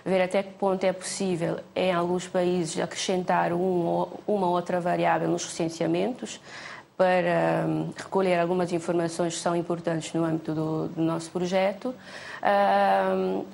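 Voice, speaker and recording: Gravelly low woman, measured and hesitant. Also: flat delivery, darkish tone, slight background noise. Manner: measured, hesitant, many fillers. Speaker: statistics institute representative. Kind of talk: TV studio interview.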